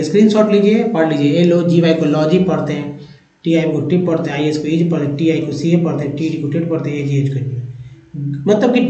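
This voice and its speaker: A man teaching English reading in a tutorial lesson, drilling vowel sounds slowly with repeated cues. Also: fairly high pitch, a little mellow. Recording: echoey, dull lo-fi room sound.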